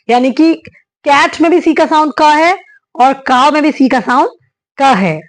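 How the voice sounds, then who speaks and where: A woman teaching an English phonetics lesson, patiently explaining and repeating each sound slowly. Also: sits high.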